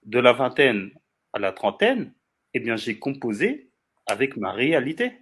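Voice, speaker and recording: A man's voice: mid-range voice, very animated, unhurried, fairly bright tone, husky. A man of forty from France in a heated debate, insistent, repeating phrases and talking over the other speaker. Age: 40s. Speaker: debate guest.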